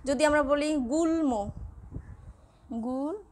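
A woman lecturer giving a patient, slow classroom lesson, spelling out letters one by one. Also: high voice. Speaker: Bengali lecturer.

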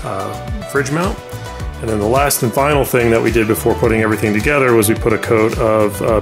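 A man in his thirties, voice on the lower side, explains a do-it-yourself build in an easygoing, practical manner. He fills pauses with "uh" and corrects himself as he goes, while music plays distinctly in the background.

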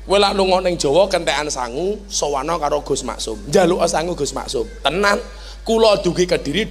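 High-voiced animated Javanese preacher. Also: male voice, long reverb tail. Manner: animated, mixing joking asides with shouted exhortations. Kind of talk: religious sermon to a large gathering.

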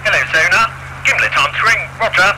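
A man's voice: high-pitched, a little fast, pitched above the performer's own voice. A man voicing a wartime fighter pilot making clipped radio calls, heard as a crackly AM radio transmission. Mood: brisk. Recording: radio static, heavy noise.

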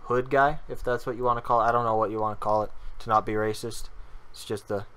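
A man's voice: on the low side, steady tone, quick pace, a bit bright, smooth. Chill young dude wrapping up his video, laughing a bit. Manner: laid-back, laughing, talks to viewers. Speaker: youtuber. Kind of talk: casual video outro.

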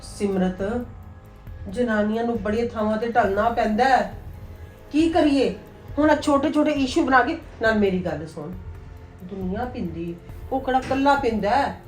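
A woman's voice: on the high side, moderate pace, a little mellow, natural voice. An actress playing an older aunt who coaxes and scolds her niece. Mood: coaxing. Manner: coaxing, scolding. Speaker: actor. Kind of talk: family drama acting. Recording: echoey room with music underneath.

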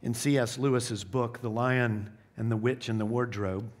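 A man's voice: medium pitch, steady tone, moderate pace. Man preaching, reading a story dramatically. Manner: dramatic storybook reading, dropping soft for solemn parts. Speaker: pastor. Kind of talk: sermon.

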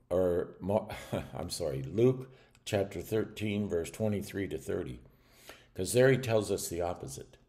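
Older guy preaching into his webcam at home, earnest, stumbles and restarts, deep voice. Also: warm tone. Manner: earnest, stern, halting with restarts. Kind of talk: warning sermon to camera. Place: small indoor room at home.

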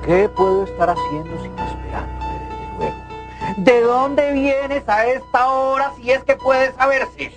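A man's voice: extremely high pitch, a little slow, over music. An actor playing a controlling, indignant middle-aged father in a telenovela, scolding with sarcastic emphasis. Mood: reproachful. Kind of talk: telenovela acting. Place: furnished bedroom set, indoors.

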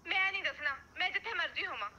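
A woman's voice: very high voice, rapid-fire, pushed and bright, lo-fi sound, full character voice. A young woman acting a fed-up ex-friend who answers in a defiant, dismissive way. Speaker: student.

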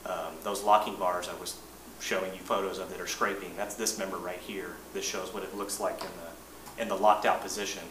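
A man, an engineering manager, presenting updates to a board in a measured, plain-spoken way, often restarting his sentences. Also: low-pitched, little pitch movement. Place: boardroom meeting. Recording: roomy distant mic, noisy meeting room.

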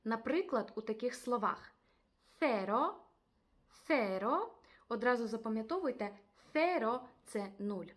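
A woman teaching a language lesson, addressing viewers directly and repeating each word twice, slowly. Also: on the high side, expressive. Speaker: Spanish teacher.

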